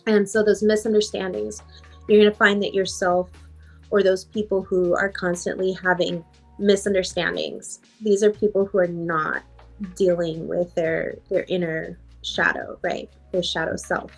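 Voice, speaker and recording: A woman's voice: fairly low pitch, little pitch movement, a little slow, vocal fry, husky, soft background music. A woman life coach answering in a podcast interview, reflective and repeating phrases for emphasis.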